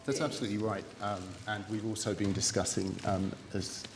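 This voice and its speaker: A man's voice: fairly low pitch, little pitch movement, fairly quick, in a large hall, over music. A man, a government official, giving careful and guarded answers at a committee hearing. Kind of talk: formal testimony.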